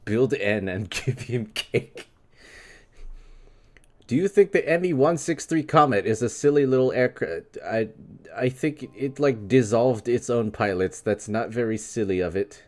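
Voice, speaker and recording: A man's voice: medium pitch, lively intonation, a little slow, a little mellow. A man in his twenties from New York, wryly rambling as he reads and answers chat on a live stream. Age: 20s. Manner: wry, rambling, reads chat aloud and reacts.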